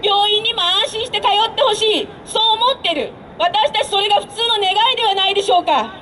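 A woman giving an earnest street campaign speech, appealing to listeners with rhetorical questions over a handheld microphone and loudspeakers. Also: very high voice, brisk. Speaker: campaign speaker introducing a candidate. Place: outdoor urban street rally stage. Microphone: handheld mic over PA, filmed from a distance. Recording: noisy busy street with crowd.

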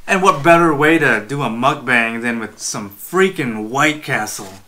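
A man's voice: medium pitch, expressive, measured pace, bright, forceful tone. A man from Illinois hosting a casual eating vlog in an upbeat, chatty way. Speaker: vlogger. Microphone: external mic close to camera.

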